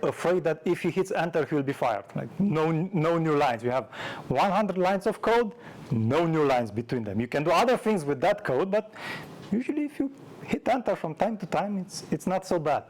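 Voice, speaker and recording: A software developer with a mid-range, darkish voice gives an informal talk at a live technical meetup before an audience. He is conversational and self-deprecating, illustrating points with anecdotes as he shares his experience, and there is slight background noise.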